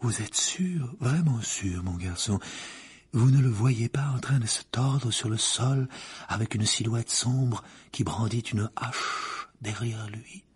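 A man reading an audiobook, voicing an eccentric older female seer who speaks in slow, hushed, breathy tones. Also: medium pitch. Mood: mysterious hushed. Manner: slow, mysterious, then harsh trance voice. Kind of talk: audiobook character voice.

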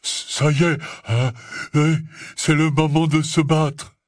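A man voicing a huge, big-hearted bearded half-giant gamekeeper who talks loud, breathless and gushing. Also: on the low side, steady tone, takes it slowly, breathy edge, dry recording, studio quality.

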